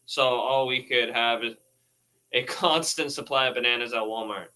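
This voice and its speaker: Laid-back swearing man with a bright voice. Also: mid-range voice, normal speed, rough recording. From United States. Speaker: streamer reading news posts. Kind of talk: casual rambling commentary.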